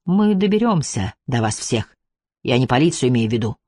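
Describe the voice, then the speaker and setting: A man's voice: mid-range voice, sing-song, a little fast, a little mellow, dry recording, pitched below the performer's own voice. Man reading a furious taunting Chinese man, audiobook, spiteful threats, dry.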